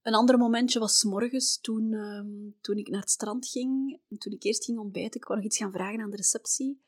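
A middle-aged Flemish woman from Belgium hosting a podcast, telling personal travel stories in a chatty way, often dropping to a soft near-whisper. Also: mid-range voice, steady tone, fairly quick, no room sound, studio quality. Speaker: podcast host.

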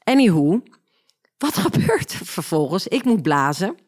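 A woman with a low voice and a Flemish Belgian accent tells a story from her own life as a podcast host. She talks casually and animatedly, with a sarcastic edge, and laughs at herself. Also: big pitch swings, unhurried.

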